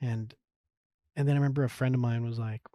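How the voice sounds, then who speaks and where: Animated man telling his story, dry sound. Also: mid-range voice, racing, no room sound. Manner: animated, acts out his past thoughts in quoted asides; frequent fillers and restarts, laughs while telling. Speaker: podcast guest. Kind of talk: candid interview storytelling.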